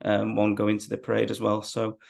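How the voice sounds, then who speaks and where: A man's voice: lowish voice, monotone, fairly quick, vocal fry, a little mellow. A man, chatting casually as a football fan being interviewed.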